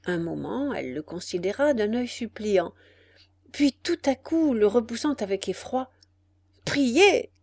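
A woman reading a tale aloud in a slow, measured narration. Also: medium pitch, expressive, gravelly, mellow, no room sound. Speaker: storyteller.

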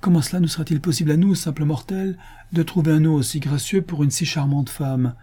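A man voicing a pompous, quick-tempered police commissioner with a blustering, grandiloquent delivery. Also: a little high, fairly even intonation, mellow, slightly rough, voice pushed up. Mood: flattering.

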